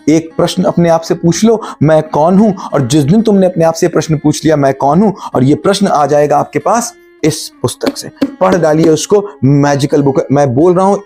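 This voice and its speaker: A man's voice: a little high, mellow, husky. A man giving a spiritual talk, asking rhetorical questions and answering them himself while speaking straight to the listener. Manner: addresses listener directly, earnest. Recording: faint music behind. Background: faint guitar music.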